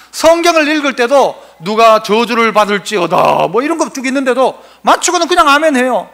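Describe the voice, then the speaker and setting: A man's voice: extremely high pitch, sharp tone. A male pastor preaching a sermon, asking the congregation questions and answering them himself.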